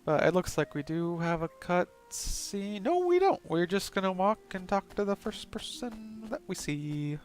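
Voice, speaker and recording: A man's voice: high voice, measured pace, few pauses, soft background music. A man hosting a let's play with casual, joking commentary and a stuffy nose, reading game dialogue aloud.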